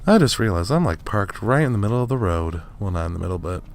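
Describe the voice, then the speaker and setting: Low-voiced man rambling over gameplay. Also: very animated, fast. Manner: rambling, self-interrupting, chuckling asides. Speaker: let's play host. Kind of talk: casual gameplay commentary. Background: faint game music and sounds.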